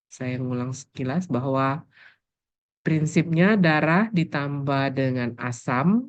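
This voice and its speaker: Hoarse woman lecturer nursing a sore throat, patient explainer, dry muffled sound. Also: low-pitched, no room sound. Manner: explanatory, filler-heavy. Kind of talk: lab course briefing.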